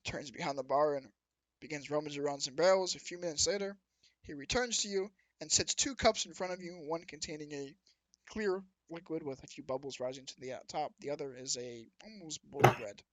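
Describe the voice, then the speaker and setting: A man narrating as game master of a tabletop game, often pausing to correct himself. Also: on the high side, no room sound.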